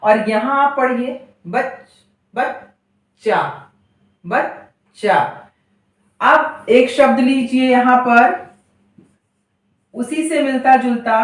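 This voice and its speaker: Slow, high-voiced woman teacher in an echoey room. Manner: asks questions and repeats answers, stretches example words. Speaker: Hindi teacher. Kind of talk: slow classroom explanation. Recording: very echoey, voice from a distance.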